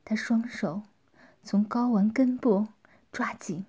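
A woman narrating a story, often dropping into soft, half-whispered passages. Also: mid-range voice, takes it slowly, husky.

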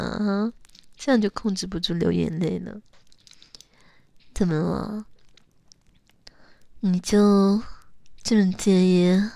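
Whispering softly up close to the mic, a young woman with a mid-range voice acts out an intimate role-play as a teasing, coaxing young woman calling herself big sister. There's no room sound.

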